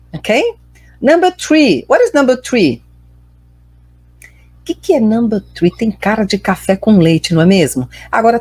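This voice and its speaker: A woman's voice: mid-range voice, dark tone, breathy edge, dry recording. A woman with a Brazilian Portuguese accent teaching an online English lesson, carefully drilling pronunciation and switching between Portuguese and English.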